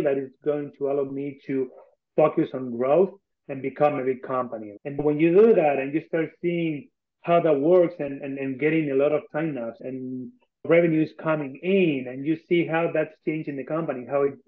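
An Argentine man, a tech company co-founder appearing as an interview guest, speaks English as a second language with an Argentine accent; his first language is Spanish. His voice is a little high, and he talks conversationally and earnestly on the podcast, often repeating phrases for emphasis. The audio is thin, like a phone or online call.

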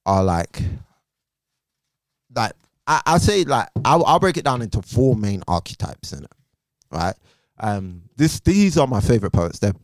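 A man's voice: medium pitch, a little mellow, no echo. A man with a London roadman accent chatting casually as a podcast co-host, in slangy speech full of tag questions. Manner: slangy, repeats tag questions and check-ins.

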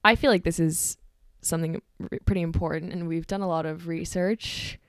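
A teenage girl co-hosting a casual political podcast, talking in a relaxed way with lots of fillers and trailing off softly. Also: lowish voice, normal speed, smooth, dry recording, studio quality. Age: teens. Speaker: podcast co-host.

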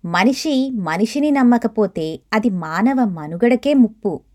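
Woman reading as a calm old grandpa, patient, gives advice, bit high voice. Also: unhurried. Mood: gently advising. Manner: calm, advising. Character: gentle wise old grandfather, patient advisor. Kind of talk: storybook narration.

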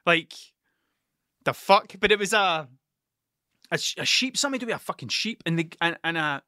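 A man with a broad Ayrshire Scottish accent talks off the cuff in a fairly high, bright, punchy voice. He swears constantly and doubles back to question himself, rambling bluntly. The sound is dry, with very little room on it. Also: animated, moderate pace, no echo. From Scotland, Ayrshire. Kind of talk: casual rambling monologue.

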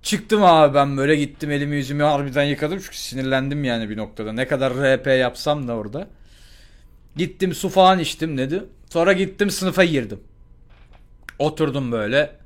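Young male streamer with a slightly high voice, casual and foul-mouthed, storytelling with acted-out quotes. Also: a little fast. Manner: animated and profane, acts out the other people in his story. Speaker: live streamer. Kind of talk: casual storytelling to a live chat.

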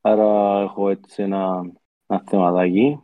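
A man with a Cypriot Greek accent in a casual football chat, his voice on the low side. He speaks haltingly and doubles back on his words. The recording is somewhat muffled. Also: flat delivery, no echo. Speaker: football podcast panellist. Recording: dull lo-fi audio.

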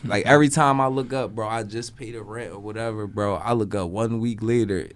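A man in his thirties in a casual, slangy chat, musing at a relaxed pace as a podcast co-host. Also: on the low side, fairly quick. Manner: laid-back, slangy, musing.

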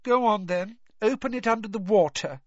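Man putting on a ghost girl, high whiny voice, sly, mopey, dry dull recording. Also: normal speed, no echo. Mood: sly bossy. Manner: whiny, miserable, teasing. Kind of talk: audiobook character voice.

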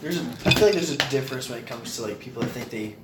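A man speaks very quickly in casual podcast chat, joking and reasoning aloud. His voice sits at a middle pitch, and the room is echoey with clear background noise. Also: lively intonation. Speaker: podcast co-host.

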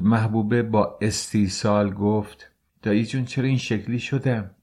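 A man narrating an audiobook novel in a measured, unhurried storytelling manner. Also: on the low side, dark tone. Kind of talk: scripted narration.

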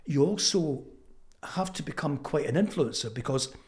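A man in his seventies with a Fife Scottish accent, telling stories reflectively as an interview guest, halting and thoughtful with frequent pauses. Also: fairly high pitch, animated, a little mellow. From Fife, Scotland. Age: 70s. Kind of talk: reflective conversational storytelling.

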